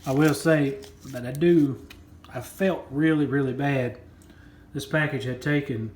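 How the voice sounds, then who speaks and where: A coin collecting vlogger opens a package while chatting casually, rambling and repeating himself as he goes. His voice is medium-pitched in an echoey room.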